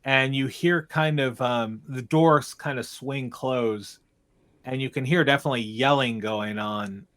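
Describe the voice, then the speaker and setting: A man narrating a tabletop game as game master, halting and filling pauses with ums and uhs. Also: medium pitch, fairly bright tone.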